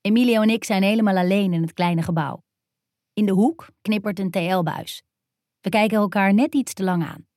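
A woman narrating a first-person erotic story in an intimate, hushed and dreamy way. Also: medium pitch, moderate pace, dry recording, clean studio sound.

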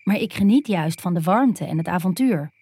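A woman narrating a first-person erotic story in an intimate, hushed and dreamy way. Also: fairly low pitch, animated, moderate pace, husky.

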